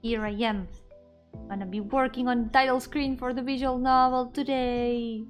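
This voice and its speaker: With a fairly high pitch and a steady tone, this woman talks at a normal speed while drawing on stream. She's a VTuber art streamer and game developer, thinking aloud playfully and teasing herself as she moves between English and Spanish, accompanied by background music.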